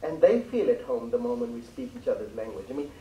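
A man's voice: mid-range voice, sing-song, quick pace, creaky, dark tone, dull audio. A middle-aged man giving informal remarks as a guest speaker. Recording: echoey, distant mic, faint noise.

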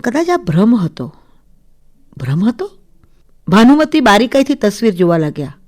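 A woman narrating a literary short story for radio in a measured, expressive reading. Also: mid-range voice.

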